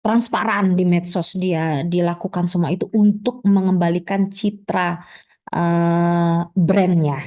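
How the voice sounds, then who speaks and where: A woman's voice: fairly low pitch, steady tone, slow, dark tone. A woman lecturer explaining with everyday examples in a conversational teaching style, acting out the people involved. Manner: conversational, many fillers and restarts, acts out examples.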